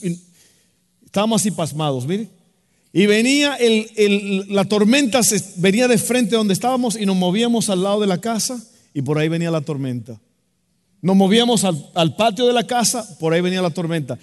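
A man's voice: high voice, expressive, fairly quick. A man preaching a sermon as pastor, impassioned, with a rising and falling delivery. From Dominican Republic. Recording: echoey hall with long reverb.

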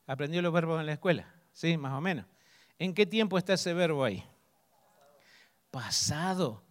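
High-voiced preacher in an echoing hall. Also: male voice, expressive. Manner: asks the congregation questions, emphatic slow stresses. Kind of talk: sermon.

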